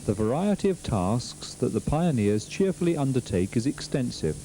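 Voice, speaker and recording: A man's voice: medium pitch, sing-song, normal speed, dark tone, slight background noise. A man reading scripted narration for a military documentary.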